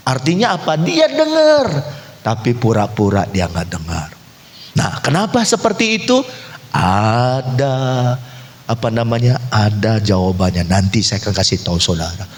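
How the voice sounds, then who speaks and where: A man preaching a sermon as pastor, with dramatic leaps to high cries and drops to low, quiet lines. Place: church. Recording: long church hall reverb.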